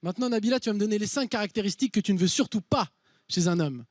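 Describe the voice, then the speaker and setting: Teasing man with a very high-pitched voice. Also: rapid-fire, no echo, clean studio sound. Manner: teasing, repetitive, heckling. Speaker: comedian in an improv song duo on a show. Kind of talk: mocking improvised banter and rap battle. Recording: faint music behind the voice. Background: music.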